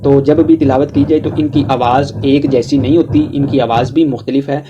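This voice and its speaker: A man with a Pakistani Urdu accent teaching a tajweed lesson, explaining letter sounds and drawing out each letter slowly as he drills them. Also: medium pitch, steady tone, dull audio, noisy background. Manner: slow, drawn-out recitation of letters between plain explanations. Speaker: Quran reading teacher.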